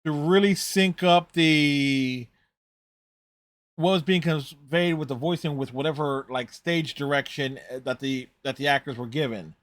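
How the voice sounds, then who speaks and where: A man's voice: on the high side, unhurried, no echo. A man hosting a reaction video, giving casual, rambling, conversational running commentary on a TV show.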